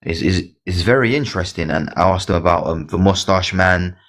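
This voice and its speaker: Here is a man with a very low, deep voice, chatting casually on a live stream. He talks in a halting way, repeating words and restarting his sentences. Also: a bit bright. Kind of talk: casual chat.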